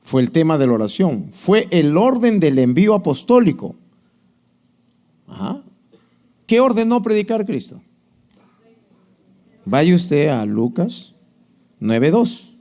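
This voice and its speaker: Male preacher, lively sermon delivery, quizzes the congregation. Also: fairly high pitch, slow pace, pauses often. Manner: asks the congregation questions, acts out quotes. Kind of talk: sermon lesson.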